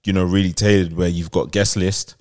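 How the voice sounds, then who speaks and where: A man co-hosting a casual chat in slangy, halting speech with emphatic repetition. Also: low-pitched, little pitch movement, a little mellow. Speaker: talk show co-host.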